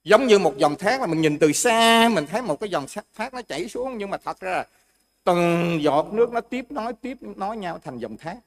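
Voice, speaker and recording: High-voiced man teaching. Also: expressive, normal speed. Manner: explains with everyday examples, asks the audience questions. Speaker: Buddhist monk teacher. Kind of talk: dharma talk.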